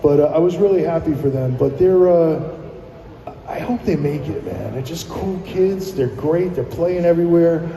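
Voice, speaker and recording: A middle-aged American man, a musician guest, chats casually on a live radio broadcast at a public plaza, spinning rambling, enthusiastic anecdotes. His voice is on the high side with a dark tone, at normal speed. It sounds like an echoey hall with music in the background.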